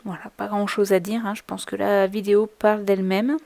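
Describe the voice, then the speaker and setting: A woman casually explaining her crafting as she works, with many pauses, fillers and restarts. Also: mid-range voice, little pitch movement, gravelly, dark tone, no echo. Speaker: crafting vlogger. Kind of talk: casual tutorial narration while crafting. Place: at a craft table indoors.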